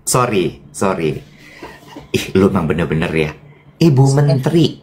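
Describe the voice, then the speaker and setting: Seorang pria mengobrol santai dan bergosip sebagai pembawa acara, bercerita dengan hidup dan menirukan orang dengan suara melengking. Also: male voice, measured pace, a little hiss or hum. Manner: animated storytelling, shrill voices for quoted people. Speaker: co-host. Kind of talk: casual gossipy chat.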